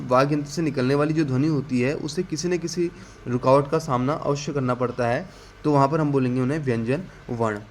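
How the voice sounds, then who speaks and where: A man teaching an exam-prep grammar lesson, asking the class questions, answering them himself, and repeating key definitions slowly. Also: a little high, a little hiss or hum.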